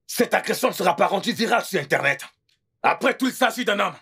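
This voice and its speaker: A self-pitying husband in a dubbed film, gravelly and raspy, his pitch swooping all over as he rants. He is sarcastic, bitter and theatrical. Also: expressive, fast talker, sharp tone, exaggerated voice. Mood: indignant. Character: exasperated sarcastic husband, middle-aged man.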